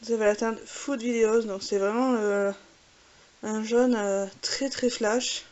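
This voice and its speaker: A woman's voice: on the high side, fairly even intonation, takes it slowly, darkish tone, dull audio. A woman with a French accent, chatting casually with many fillers while showing makeup swatches. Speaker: beauty vlogger. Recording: faint hiss.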